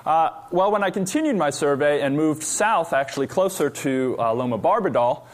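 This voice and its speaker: A man researcher giving an academic lecture on a stage, explaining slides with frequent pauses and fillers. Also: on the high side, expressive.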